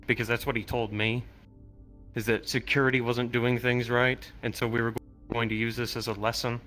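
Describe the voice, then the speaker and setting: A man's voice: medium pitch, little pitch movement, moderate pace, bright, forceful tone, soft background music. A man speaking in character in a roleplay, pointed and insistent as he makes his case. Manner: pointed and insistent, holds the floor. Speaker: roleplay player.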